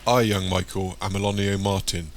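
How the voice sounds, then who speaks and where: A secretive, formal man in an audiobook story, calm and courteous, with a fairly low voice, as the male narrator reads him. He speaks in a measured, deliberate way. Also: a little hiss or hum.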